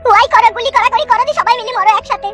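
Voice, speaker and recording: A woman voicing a nagging older village mother, shrill and scolding, in a comic cartoon. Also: racing, fairly bright tone.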